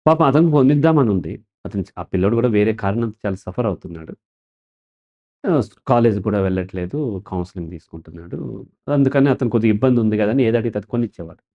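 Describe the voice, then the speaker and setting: A man with a lowish voice talks fast, and the audio is narrow and tinny. He appears as a counselor guest in an interview, speaking in a lively, explanatory way and often posing questions he then answers.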